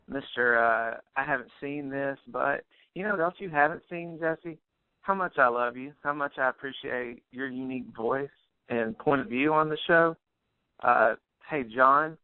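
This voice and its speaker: A man from Tennessee leaves a chatty, teasing voicemail over a landline phone, halting with fillers. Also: medium pitch, no room sound. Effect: heard over a landline phone line. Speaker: voicemail caller. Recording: tinny, dry phone-line voicemail.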